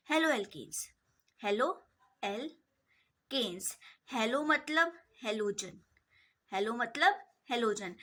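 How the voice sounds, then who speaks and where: A woman's voice: fairly high pitch, bright, forceful tone. A young woman, teaching a chemistry lesson to school students and asking questions that she then answers herself. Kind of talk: online class lecture.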